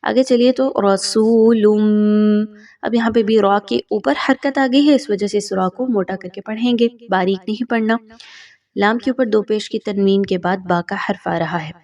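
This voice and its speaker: A woman teaching Quran recitation rules, explaining patiently and then reciting each word slowly. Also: medium pitch, a little mellow, recorded from a distance.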